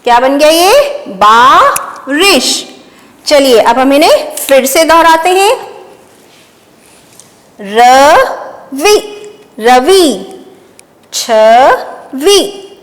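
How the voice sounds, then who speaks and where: A woman teacher giving a slow dictation lesson to young children, patiently spelling out each word syllable by syllable and repeating it. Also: high voice, big pitch swings, in a large hall.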